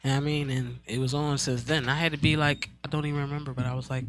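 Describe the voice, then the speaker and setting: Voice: mid-range voice, flat delivery, rapid-fire. A guest in their thirties, telling stories in a loose, profane way during a casual studio chat. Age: 30s. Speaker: music artist guest. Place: radio studio.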